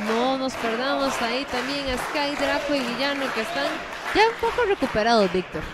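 A woman's voice: high voice, expressive, a little fast, very noisy. A woman giving live commentary as a wrestling commentator. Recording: loud crowd and music behind.

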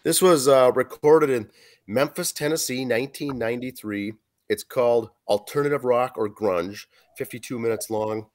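A podcast co-host in his forties, hoarse and speaking at medium pitch and normal speed, reviews an album over a video call webcam from a small home room. It's casual chat as he reads facts and track lists from notes with fillers.

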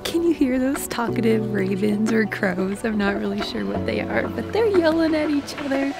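Young woman, high bright voice, chatty travel vlogger, arm's-length camera, music bed. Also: moderate pace, vocal fry. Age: young adult. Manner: bubbly, chatty, laughs often. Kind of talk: casual travel vlog. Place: outdoors on a mountain trail and later a hotel room. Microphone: handheld camera at arm's length.

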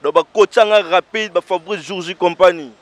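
A man, a stage comedian and actor telling his story in a casual interview. He talks in animated bursts, dropping to quiet asides and rising to loud exclaims. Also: high voice, normal speed.

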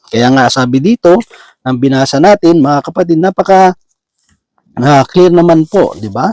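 A man preaching a Bible teaching sermon in a conversational way. He often checks in with his listeners with a quick question and mixes English words into his talk. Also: fairly high pitch, darkish tone, dry recording.

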